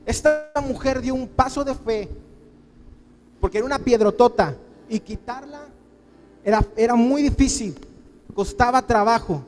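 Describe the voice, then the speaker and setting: A man's voice: very high-pitched, measured pace, pauses often, a little mellow, big-room sound. A man preaching a sermon as pastor, impassioned, acting out people's pleas in quotes. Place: church.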